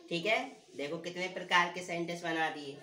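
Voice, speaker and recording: In an echoey room with a distant mic and faint room noise, a man with a high, brisk, sharp-toned voice teaches an English grammar lesson. His intonation stays fairly even as he poses questions, answers them himself, and repeats key words.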